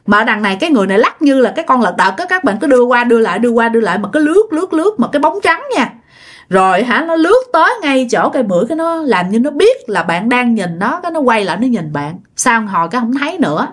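A woman's voice: on the high side, big pitch swings, fast. A woman with a Southern Vietnamese accent, chattily retelling a listener's ghost story and repeating words for effect.

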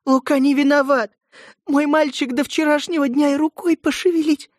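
A man's voice: very high voice, monotone, moderate pace, dark tone, husky, no echo, voice pushed up. A man voicing a poor mother who pleads with a judge, close to tears. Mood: pleading.

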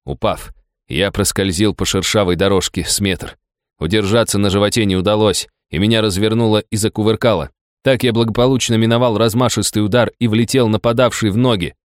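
A man narrating a first-person audiobook story in a steady, even storytelling manner. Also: lowish voice, dry recording, clean studio sound.

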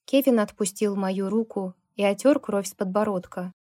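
A woman's voice: mid-range voice, moderate pace, dark tone, no echo. Woman narrating an audiobook, dry close sound. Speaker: audiobook reader. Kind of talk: first-person audiobook narration.

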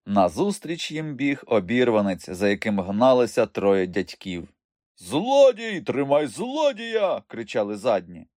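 A man narrating an audiobook with expressive storytelling. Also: lowish voice, moderate pace, few pauses, dry recording, clean studio sound.

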